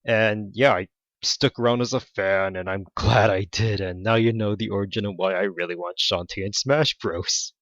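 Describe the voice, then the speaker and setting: A man's voice: fairly low pitch, fairly even intonation, normal speed, a bit bright, dry recording. A man speaking enthusiastically and a bit repetitively in a casual monologue. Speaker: fan. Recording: dull lo-fi mic.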